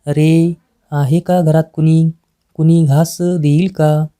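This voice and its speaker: A woman's voice: sits low, flat delivery, dark tone. A woman voicing a stern old beggar woman. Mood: pleading. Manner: slow, coughing, pleading. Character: poor old beggar woman, a goddess in disguise, proud and stern.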